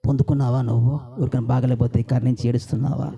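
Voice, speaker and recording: A man's voice: medium pitch, little pitch movement, rapid-fire, gravelly, mellow, muffled recording. A male pastor preaching a sermon to church workers, asking the congregation rhetorical questions. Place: church hall.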